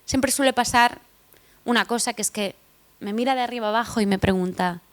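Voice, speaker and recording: A woman's voice: a little high, fairly quick. A young woman with a Madrid Spanish accent giving a humorous talk on stage. She tells personal stories in a chatty, joking, self-deprecating way and turns to the audience with asides. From Spain (Madrid). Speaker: conference speaker. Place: conference stage before an audience.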